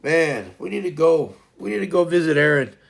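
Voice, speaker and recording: A man's voice: fairly high pitch, lively intonation, normal speed, creaky. A man hosting a livestream, rambling loosely through a casual story with lots of fillers and restarts. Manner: frequent laughter. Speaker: livestream host.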